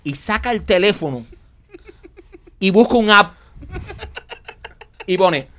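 A man's voice: high voice, animated, slow, a bit bright. A man telling a funny story in casual chat, acting out the quotes and laughing often.

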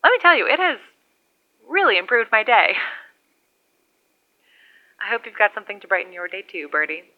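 A woman's voice: medium pitch, sing-song, moderate pace, long pauses. A woman as a wry survivor over CB radio. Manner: rambling, wry, conversational monologue. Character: lone woman survivor years after collapse, wry. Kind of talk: audio drama radio log. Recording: muffled lo-fi radio sound.

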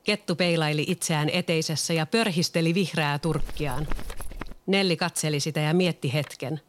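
Calm children's story narrator. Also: medium pitch, slight background noise.

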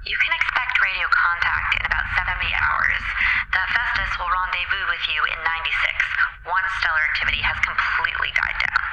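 Gravelly ship comms officer over a crackly radio, heavy static, brisk and a bit tired, a woman voicing her. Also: fairly low pitch. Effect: talking over a crackly radio link. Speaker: communications officer on a distant ship. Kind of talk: radio drama acting.

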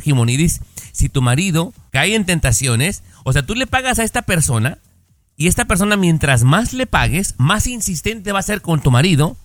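A man's voice: on the high side, fairly bright tone, no echo. A man with a Mexican accent co-hosting a radio show, joking and emphatic, often repeating a catchphrase. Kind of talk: jokey radio banter.

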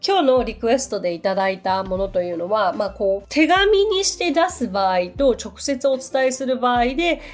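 Chatty woman hosting an English lesson podcast. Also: medium pitch. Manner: friendly, chatty, with fillers. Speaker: podcast English teacher and host. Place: Tokyo.

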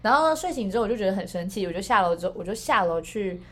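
Fast-talking woman telling a story. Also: medium pitch, expressive. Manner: rambling storyteller with many restarts. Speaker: podcast co-host. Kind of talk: casual storytelling chat.

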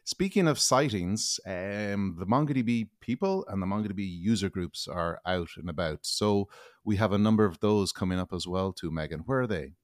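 A man co-hosts a podcast, brisk and jokey, asking colleagues questions. His voice is lowish and the sound is dry. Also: dry recording. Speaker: podcast co-host. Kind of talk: casual podcast chat.

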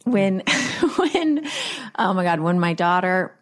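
A woman's voice: fairly low pitch, very animated, slow. A woman in her thirties hosting a casual chat, telling a parenting story, chatty and laughing along as she talks. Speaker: podcast host. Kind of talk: casual podcast conversation.

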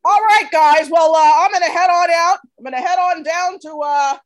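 A woman voicing a laid-back man, loud, breezy and offhand. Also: extremely high pitch, moderate pace. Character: laid-back middle-aged man heading out bowling.

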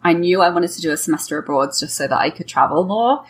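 A woman's voice: lowish voice, lively intonation, quick pace, slight background noise. A woman in her thirties with an English Home Counties accent, chatting informally as an interview guest. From Kent, England. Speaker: podcast guest. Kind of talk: casual conversational interview.

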